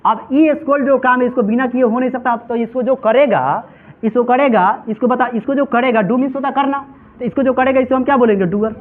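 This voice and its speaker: High-voiced teacher, tinny phone-like sound. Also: male voice, fairly quick. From Bihar, India. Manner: drilling students with repeated questions. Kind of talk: classroom grammar lesson.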